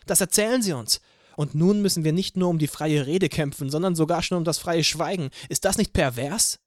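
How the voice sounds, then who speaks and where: A man reading an audiobook, voicing a young female singer who gives a loud, rousing protest speech from a rooftop. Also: a little high, brisk, no echo, clean studio sound, voice pushed up, close to an everyday voice. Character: young woman, fiery protest band singer. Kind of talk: audiobook character voice.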